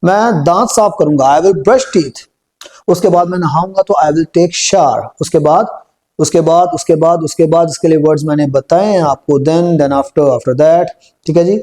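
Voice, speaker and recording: A man teaches spoken English step by step in a Punjabi accent. His voice sits a little high but sounds warm and mellow. He talks slowly and repeats each phrase as he writes it out. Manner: slow, repeats phrases while writing on a board.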